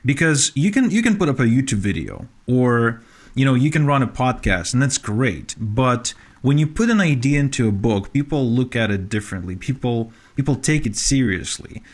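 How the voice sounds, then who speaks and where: Interview guest, man from Ukraine, mid-pitched, earnest and chatty with lots of restarts. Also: lively intonation, normal speed. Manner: earnest, with frequent fillers and restarts. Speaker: podcast guest, author. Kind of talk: conversational interview.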